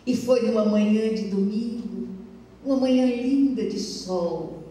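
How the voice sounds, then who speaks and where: Woman giving a spiritual talk, slow lyrical storytelling, mic far off in a big echoey hall. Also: a little high, warm tone. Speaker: spiritist lecturer.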